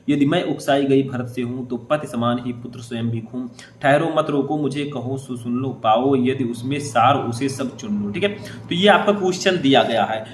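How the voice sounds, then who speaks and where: A young male teacher walks students through writing exam answers, reading textbook passages aloud and stopping often to check that they follow. His voice sits a little high for a man. The sound is roomy and echoey. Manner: repeats "ठीक है" and "देखिए" often, reads passages aloud.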